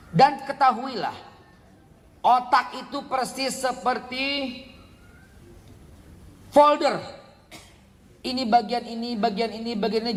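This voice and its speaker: A middle-aged man preaching a parenting sermon to a congregation, animated, swinging from quiet asides to loud scolding outbursts. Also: high-pitched. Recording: echoey hall reverb.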